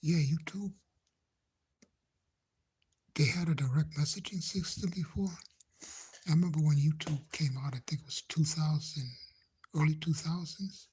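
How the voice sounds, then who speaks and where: A man livestreaming from a phone indoors at home, chatting gently with viewers in a hushed, halting whisper so no one in the house hears him. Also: fairly high pitch, fairly even intonation, husky. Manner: halting, rambling, gentle, nervous. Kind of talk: hushed casual live chat. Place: indoors in a house he shares, speaking quietly.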